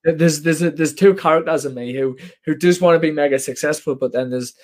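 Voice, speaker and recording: Sweary, higher-voiced young British man. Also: a little fast, a little mellow. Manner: sweary, blokey, emphatic. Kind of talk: casual chat.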